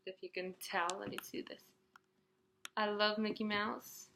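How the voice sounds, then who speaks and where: Gravelly and medium-pitched, this woman speaks in a level tone and a little slowly; the sound is roomy with a bit of hiss or hum. She's a 21-year-old beauty vlogger chatting through a question tag, brightly reading questions aloud and rambling through replies with restarts and fillers.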